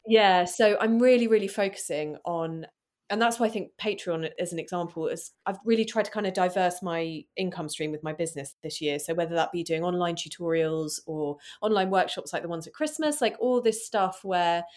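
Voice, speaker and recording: A woman with an English accent talks easily in an interview, her voice sitting a little low. She rambles in a friendly way, scattering "kind of" and "you know" as she goes. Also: a little fast, darkish tone. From England. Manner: chatty, uses many fillers like "kind of". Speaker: guest, floral artist. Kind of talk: casual interview chat.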